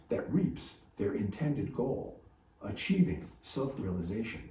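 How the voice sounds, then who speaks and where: In a medium-pitched voice with a dark tone, a man who works as a psychotherapist teaches and reads his own poetry during a contemplative spiritual talk. The audio is roomy and picked up by a distant mic, with faint noise.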